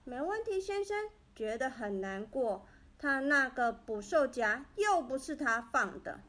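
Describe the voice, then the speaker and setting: A woman narrating a children's story in a gentle, expressive way. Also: high-pitched, measured pace.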